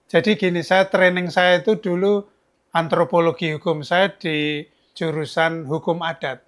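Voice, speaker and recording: A man's voice: a little high, little pitch movement, measured pace. An older man from Yogyakarta, a book's author, telling stories in a casual, chatty interview with frequent restarts. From Yogyakarta, Indonesia. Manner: chatty, storytelling, many restarts. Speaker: author guest.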